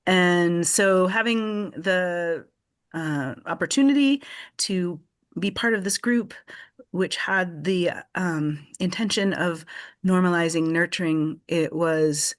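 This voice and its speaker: A woman and article contributor in a panel discussion over a video call, explaining her work thoughtfully with pauses and restarts. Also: lowish voice.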